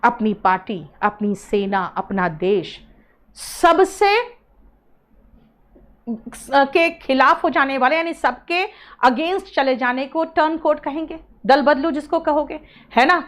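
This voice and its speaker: A woman's voice: high-pitched, slow pace. A woman teaching an online English exam class. She explains words patiently, calls students "beta" and keeps checking "है ना?". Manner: mixes English terms into Hindi explanations.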